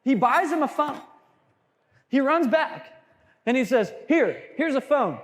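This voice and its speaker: Speaking unhurriedly, this man with a high voice entertains a seminar audience, joking around and tossing out questions. He's lively and punchy, a sales trainer addressing a live room, and a long echo suggests a large hall.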